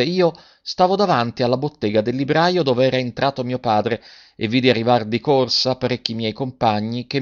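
A man reading a classic story aloud in a measured storytelling manner, lifting his voice for the shouted lines. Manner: measured storytelling, raising pitch and volume for shouted quotes. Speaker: narrator. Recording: dull lo-fi recording.

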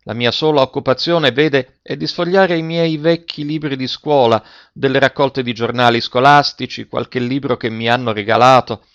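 A man uses his natural mid-range voice, steady and fairly bright, to play a frail old retired schoolmaster with a full but faintly trembling voice. The character is courteous and wistful, recalling things slowly, in a dull lo-fi recording with no room sound.

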